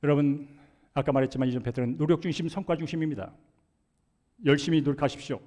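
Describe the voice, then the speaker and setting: A male pastor preaching a sermon, emphatic and repetitive, swinging between loud and soft delivery. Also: fairly high pitch, steady tone, fast talker.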